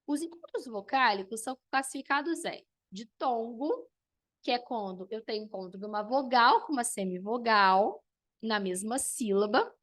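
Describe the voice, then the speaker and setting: A woman's voice: fairly high pitch, expressive, moderate pace, a bit bright. A woman teacher, teaching an online class and explaining step by step while checking in with her students.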